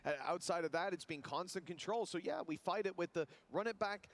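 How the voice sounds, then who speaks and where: Man, esports caster, fairly high voice, tactical play-by-play, noisy game audio with clicks. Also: brisk. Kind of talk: live esports play-by-play and analysis commentary.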